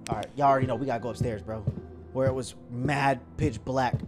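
A man's voice: medium pitch, steady tone, a little fast, a little mellow, soft background music. A young man casually commentating a horror game for viewers, slangy and easily startled. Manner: slangy, jumpy, talks to viewers. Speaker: gaming YouTuber. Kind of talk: horror let's play commentary.

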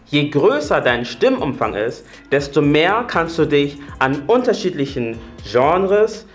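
A young man in his late twenties teaches singing in an upbeat YouTube tutorial. His somewhat high voice swings lively up and down as he chats and demonstrates voice types. Faint music plays behind him. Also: slow pace. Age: late 20s. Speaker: singing coach.

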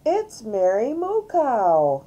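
An older woman voicing an eager little girl who speaks brightly and a bit know-it-all. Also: medium pitch, big pitch swings, slow pace, muffled recording, voice pushed up.

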